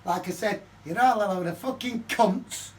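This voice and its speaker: An older man, from Manchester, telling a story to camera in his flat, swearing constantly and ranting heatedly. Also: sits high, moderate pace. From Manchester, England. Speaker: vlogger. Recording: distant mic with faint background noise.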